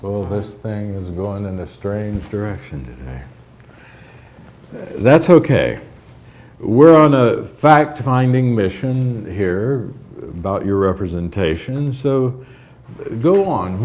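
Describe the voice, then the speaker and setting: An actor playing a patient, slightly flustered judge in a courtroom drama, with hesitant, conversational authority. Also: male voice, fairly low pitch, very animated, takes it slowly, darkish tone, slight background noise. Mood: patient, puzzled. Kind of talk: acted courtroom drama dialogue.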